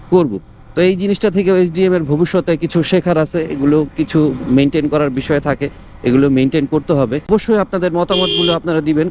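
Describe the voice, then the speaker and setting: A man with a Bangladeshi accent giving casual opinion commentary to his viewers as a motovlogger, mixing English words into his talk, speaking from inside a helmet. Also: fairly high pitch. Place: outdoors on the road, talking from inside a helmet. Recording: outdoor traffic and vehicle noise.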